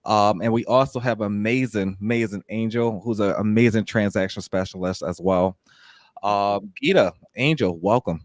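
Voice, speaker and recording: A man's voice: fairly low pitch, normal speed, no room sound, clean studio sound. A man co-hosting a podcast over a group video call, chatting casually in a loose, rambling way with many fillers and restarts. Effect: heard over a group video call. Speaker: podcast co-host. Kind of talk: casual chat.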